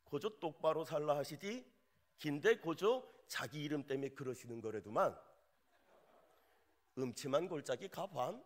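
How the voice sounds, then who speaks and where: A man's voice: fairly high pitch, expressive, normal speed, close to an everyday voice. A man voicing a folksy, plain-spoken northern countryman reciting a psalm in a Pyongan dialect, with a drawling, homespun delivery.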